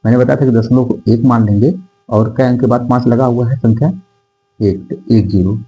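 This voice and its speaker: A medium-pitched, steady, warm voice with a breathy edge belongs to a male math teacher explaining decimals in a classroom with a whiteboard. He slowly dictates numbers digit by digit and repeatedly checks in with "theek hai." The low-quality recording has faint music behind it.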